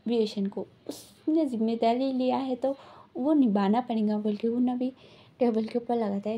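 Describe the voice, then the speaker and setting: A woman's voice: a little high, warm tone. A woman casually retelling a fanfiction story, rambling with lots of fillers.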